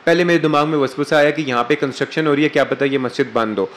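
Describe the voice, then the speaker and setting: A man's voice: on the high side, rapid-fire. A man from Pakistan, giving an earnest religious talk and telling a personal story with emotion. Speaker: religious speaker. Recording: echoey room, faint ambience.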